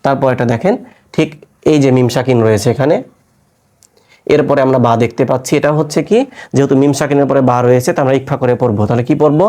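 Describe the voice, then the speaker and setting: A man teaching Quran recitation, spelling out letters and marks and then chanting each joined word in a long, drawn-out tone. He asks his listeners questions and answers them himself. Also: mid-range voice, steady tone, dark tone. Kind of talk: step-by-step recitation lesson.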